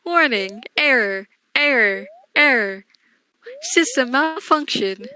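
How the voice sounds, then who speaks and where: A glitching robot computer spits out warnings and error alerts, then wails siren sounds, as a woman puts it on. The voice sits high and sounds bright and sharp. The delivery is playful and mock-alarmed. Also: expressive, takes it slowly, clean tone, full character voice. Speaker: game player. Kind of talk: playful let's-play banter.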